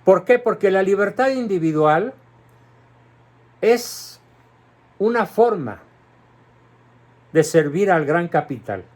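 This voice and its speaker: A man gives an indignant, emphatic political commentary, speaking deliberately to an audience. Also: a little high. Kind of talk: polemical commentary.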